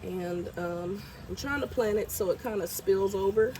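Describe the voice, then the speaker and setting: Birdsong and outdoor ambience accompany a congested woman narrating a casual vlog as she plants her garden. She speaks at a normal speed in a medium-pitched, dark-toned voice, chatting and musing aloud, with slight background noise.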